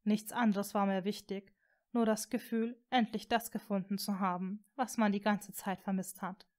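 A woman narrates a fan fiction story aloud, audiobook-style. Her voice sits at an ordinary middle pitch, and she reads calmly and evenly. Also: moderate pace.

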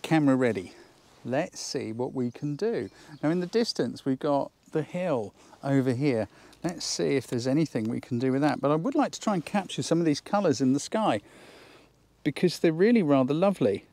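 Here a photography tutor's mellow voice runs on the high side, with lively intonation and a normal speed. Out on a countryside hillside, he thinks aloud through an enthusiastic, chatty lesson for his instructional outdoor vlog.

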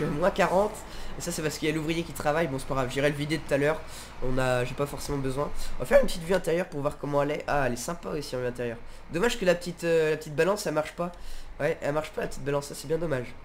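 A gaming video host, a man whose voice sits a little high and carries a slight hiss or hum, sounds nasal and stuffed-up from a head cold. His let's play commentary is casual and hesitant, as though he's thinking aloud, and his voice comes across congested and nasal.

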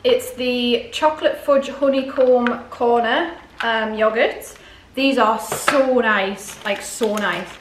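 Her voice is on the high side and slow as she presents a grocery haul to camera. The forties-aged vlogger talks casually and keeps questioning herself aloud, recorded indoors in a dining room at home where the room echoes and background noise is clear.

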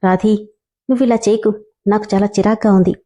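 A woman's voice: mid-range voice, steady tone, a little fast, dark tone, lightly acted. A woman voicing an irritated young husband who scolds and mocks his wife. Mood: scolding. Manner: gruff, scolding.

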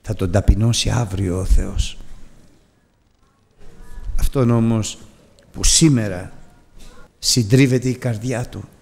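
A man preaching a Sunday sermon to his congregation, moving from hushed, low pleading to high, loud cries. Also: steady tone, vocal fry, long pauses.

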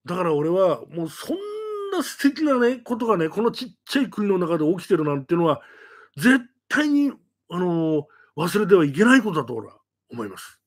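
Animated high-voiced male storyteller. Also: fairly quick. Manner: lively, with rhetorical questions to listeners. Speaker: ghost-story teller announcing to his audience. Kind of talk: animated announcement monologue.

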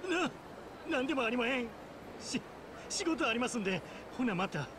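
An actor playing a timid, deferential street underling in a video game, with a Kansai accent. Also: male voice, very high voice, very animated, moderate pace, noisy background. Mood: nervous, deferential. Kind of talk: video game drama acting.

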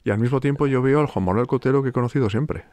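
A man's voice: medium pitch, rapid-fire, a little mellow, no echo. A man with a Spanish accent hosting a casual interview, complimentary and conversational. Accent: Spanish (Spain). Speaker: host.

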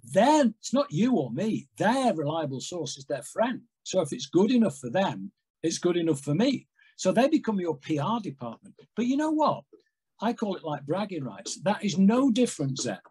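A man in his sixties from England, a music industry guest telling stories in a rambling, animated way on a video call from home. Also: a little high, breathy edge, rough recording. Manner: animated, rambling storyteller with big hand gestures. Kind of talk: casual interview chat. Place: home room with framed records on wall.

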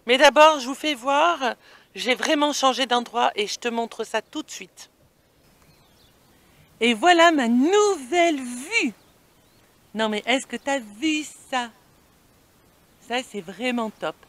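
A middle-aged woman chatting in a casual vlog, her voice high and bright. She talks playfully, laughing easily. She is outdoors, holding the camera at arm's length. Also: slow, long pauses, dry recording. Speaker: vlogger host. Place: outdoors by a camper van on a sunny coast. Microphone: handheld camera at arm's length.

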